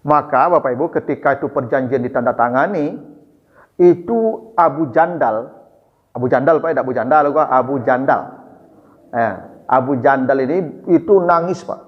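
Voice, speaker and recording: A man telling a religious story in a lively, chatty lecture, often turning to his audience. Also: mid-range voice, moderate pace, long pauses. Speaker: preacher. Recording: reverberant hall, dull sound.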